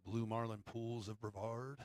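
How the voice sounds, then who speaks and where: A man's voice: lowish voice, little pitch movement, a little slow, darkish tone, no room sound, studio quality. A man hosting a live pool match stream, chatting casually with viewers between shots with joking asides. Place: pool hall.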